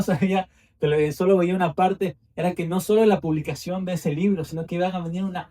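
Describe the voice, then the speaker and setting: A young man preaches with fervor, building his phrases through repetition. His voice sits fairly high but has a dark, mellow tone. He is heard from a distance, picked up by a mic in a church. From Ecuador. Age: 20s. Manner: fervent, repetitive phrasing with rising emphasis. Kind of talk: sermon.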